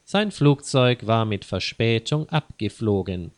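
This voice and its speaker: A man narrating a scripted story slowly and carefully, clearly spaced, for language learners. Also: lowish voice, animated, no echo.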